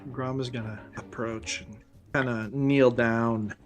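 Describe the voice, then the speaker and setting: A man's voice: medium pitch, steady tone, slow, faint music behind. A man playing a tabletop game, describing what his character does.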